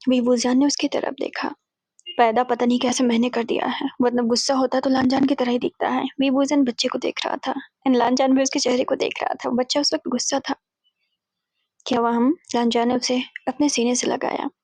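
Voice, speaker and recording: A woman's voice: high-pitched, darkish tone, husky, dry recording. A woman casually retelling a fanfiction story, chatty and mixing in English words as she voices the characters' lines. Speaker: fanfiction narrator.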